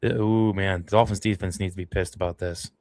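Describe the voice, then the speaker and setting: A man's voice: low voice, a little fast. A man hosting a fan livestream, giving casual, emotional play-by-play commentary on a football game. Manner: excitable, emotional fan reactions.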